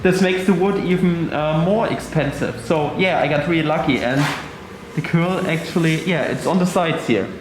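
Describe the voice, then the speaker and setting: A somewhat high-voiced man talks through his woodworking project in a casual vlog, eager and quick to exclaim or curse. His voice rings around a bare, very echoey workshop with a faint hum underneath. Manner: excitable, exclaims and swears about the wood. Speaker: woodworking vlogger.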